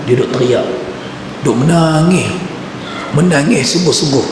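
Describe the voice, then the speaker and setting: A man's voice: a little high, moderate pace. A male preacher telling an anecdote in a conversational way during a religious lecture in a mosque. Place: mosque hall. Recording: echoey mosque hall with background noise.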